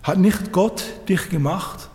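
A man's voice: high voice, takes it slowly, darkish tone, reverberant, in a large hall. A man preaching a sermon, emphatic, his voice rising and dropping sharply for effect.

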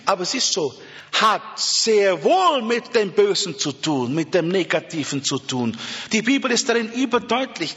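A man's voice: fairly high pitch, pushed and bright. A man preaching a sermon, emphatic, asking rhetorical questions and drawing out stressed words. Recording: dull sound with long hall reverb.

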